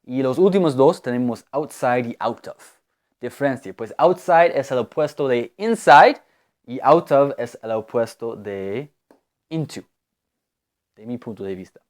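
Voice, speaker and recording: A man from the United States, an English speaker, teaching English grammar and often pausing on fillers and repeating words. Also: medium pitch, expressive, a little mellow. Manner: unhurried, hesitant, with many fillers and repeated words. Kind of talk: language lesson explaining grammar.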